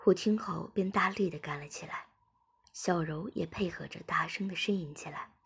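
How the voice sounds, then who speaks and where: A woman narrating an erotic story in a soft, intimate reading voice that often drops into a whisper. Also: fairly low pitch, normal speed, gravelly, slightly rough.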